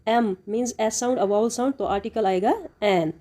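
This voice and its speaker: A woman teaching English grammar, explaining in Hindi and reading each example sentence slowly and deliberately. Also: on the high side, mellow.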